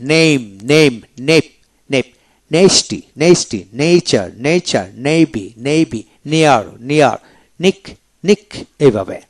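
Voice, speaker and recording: A man's voice: fairly high pitch, a little mellow. Man drilling words, each said twice. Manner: repeats each example word twice, slow and deliberate. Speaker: English teacher. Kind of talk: video lecture.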